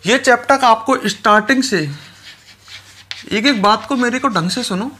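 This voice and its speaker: With an extremely high-pitched, bright, forceful voice at normal speed, a man lectures a chemistry class. He repeats each point in an instructive manner and addresses the students directly.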